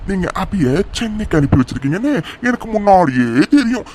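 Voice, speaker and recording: Guy doing a smug cartoon village villain, gloats and cackles, highish voice. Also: big pitch swings, brisk, darkish tone. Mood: gloating. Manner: gloating, laughs between boasts. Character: scheming young male village villain, gloating. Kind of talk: cartoon serial voice acting.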